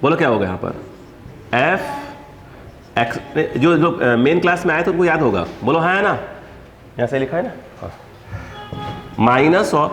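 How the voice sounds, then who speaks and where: A male physics teacher lecturing a class, constantly quizzing students and scolding them with a joking edge. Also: medium pitch. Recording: echoey hall, faint background hum.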